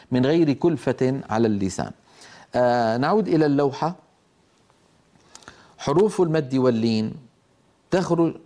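A man delivers a patient lecture on how speech sounds are made, in a mellow, darker voice at an ordinary pitch. He explains step by step, sometimes pausing and restarting a phrase. He sounds out the example syllables himself as he goes. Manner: slow, explanatory, with hesitant restarts and demonstrated sounds. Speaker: Quran recitation teacher. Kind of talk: lecture on tajweed phonetics.

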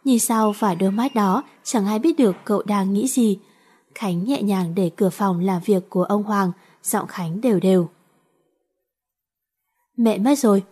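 A woman narrating a romance novel in a steady, even storytelling manner. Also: mid-range voice, normal speed, breathy edge. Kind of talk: audiobook reading of a romance novel.

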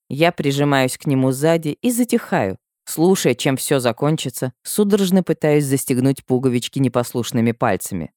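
A woman reading a first-person audiobook with emotional delivery and sudden high cries. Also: warm tone, no echo, clean studio sound. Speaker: audiobook narrator.

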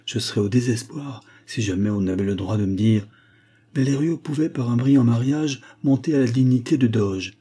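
A man voicing a calm, gentle young Venetian noblewoman in an audiobook reading, speaking softly and earnestly. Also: medium pitch, normal speed, breathy edge, natural voice. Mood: tender.

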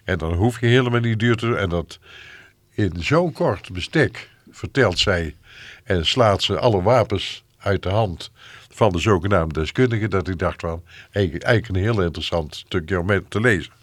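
A man's voice: low voice, expressive, moderate pace, no room sound. A man hosting a radio literature show, explaining thoughtfully with hesitant fillers. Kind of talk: radio book discussion. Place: radio studio.

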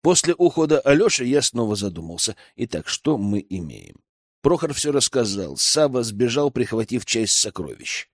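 A man's voice: medium pitch, sing-song, moderate pace, dry recording. A man reading a first-person audiobook with wry, ironic asides, close to the mic. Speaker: audiobook narrator.

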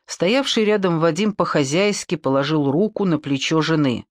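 A woman reading a novel aloud in a measured, even narration. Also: low voice, no echo, clean studio sound. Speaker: audiobook narrator. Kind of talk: scripted narration.

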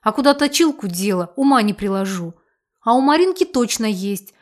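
Here a female narrator plays a brash, loud village aunt whose scolding comes mixed with mockery, in a slightly high, forceful voice for an audiobook character. The delivery is expressive and close to everyday speech at a moderate pace, and the mood is one of scolding.

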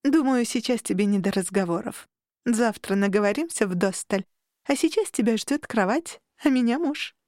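A woman voicing a cheerful, kindly middle-aged vampire woman in an audiobook, with a teasing, gently sly manner, in a dry studio recording. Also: a little high, lively intonation, moderate pace, no echo, natural voice. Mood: gently knowing.

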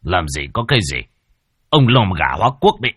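A man voicing a gruff older male village sorcerer who scolds curtly. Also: lowish voice, very animated, fairly quick, no room sound, studio quality. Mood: curt scolding. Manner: curt, scolding.

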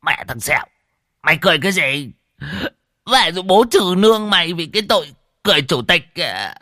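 A man's voice: on the high side, very animated, fairly quick, sharp tone, no echo, clean studio sound, voice pushed up. A man voicing a scrawny, panicky old man who whines and grumbles. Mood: grumbling. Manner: whiny, grumbling, gravelly.

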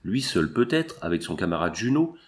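A man narrating a novel in an expressive, measured reading. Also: sits low.

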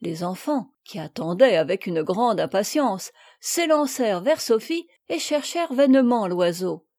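A woman's voice: mid-range voice, big pitch swings, measured pace, warm tone, no room sound, studio quality. Woman reading a children's classic aloud. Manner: reads with distinct voices for several girls. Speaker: audiobook reader. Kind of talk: scripted narration.

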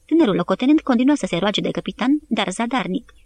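A woman reading an audiobook as narrator, with steady, measured scripted narration. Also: medium pitch.

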